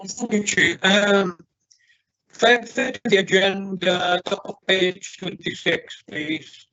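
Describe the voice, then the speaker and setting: A man with a high, sharp voice comes through a muffled, breaking-up video call line. He speaks haltingly, with stops and restarts, and the sound is dull and lo-fi. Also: gravelly. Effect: muffled, breaking-up video call audio. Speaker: councillor on a remote call. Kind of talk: committee meeting question.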